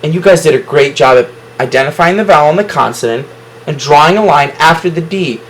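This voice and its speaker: Lively encouraging male teacher. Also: on the high side, fast, rough recording. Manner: encouraging, praises students often. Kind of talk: classroom phonics lesson. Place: classroom.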